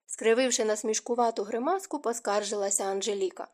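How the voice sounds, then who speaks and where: Woman narrating an audiobook, fairly high voice. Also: steady tone, a little fast, darkish tone. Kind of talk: scripted narration.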